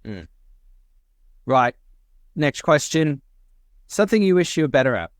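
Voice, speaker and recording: A man's voice: fairly high pitch, big pitch swings, measured pace, no room sound, clean studio sound. A man co-hosting a casual podcast chat, talking loosely, laughing often and swearing casually. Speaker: podcast co-host.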